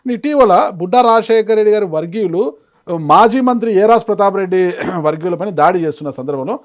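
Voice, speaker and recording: A man's voice: high-pitched, quick pace. A man interviewing a politician, pressing with persistent questions and dropping in frequent short acknowledgements.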